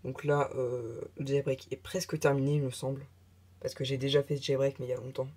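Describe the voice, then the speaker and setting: A man narrates a casual step-by-step tech tutorial. His voice is mellow and relaxed in tone, and he talks in a halting way, full of filler sounds and offhand asides. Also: medium pitch. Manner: hesitant, many filler sounds, chatty asides.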